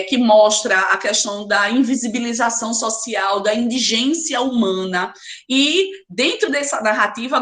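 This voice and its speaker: Her voice runs high, bright and forceful, carrying a Brazilian Portuguese accent. Lecturing a literature class live online, she talks straight to her students by name, urging them on with emphasis.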